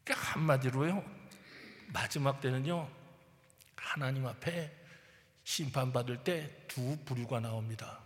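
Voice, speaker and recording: A man's voice: medium pitch, fairly even intonation, measured pace, in a large hall. A male pastor preaching a sermon emphatically, prodding his listeners with rhetorical questions and acting out Bible figures. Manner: acts out Bible figures in quoted speech.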